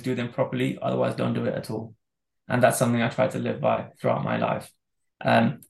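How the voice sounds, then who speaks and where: Gravelly earnest man in an echoey room. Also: medium pitch. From Dubai. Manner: reflective, earnest, steady. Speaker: guest, managing director. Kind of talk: conversational podcast interview.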